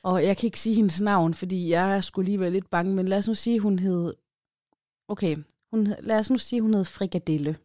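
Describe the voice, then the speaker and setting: A woman's voice: medium pitch, mellow, no echo, studio quality. A woman from Denmark, a podcast co-host, telling a story in casual chat and acting out the quotes of the people in it with changed voices.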